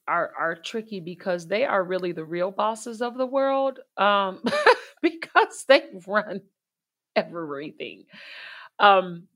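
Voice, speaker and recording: A middle-aged woman talking casually as a parenting expert, telling stories with light laughs and frequent fillers. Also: fairly low pitch. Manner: warm storytelling with light laughs, many fillers. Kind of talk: conversational advice.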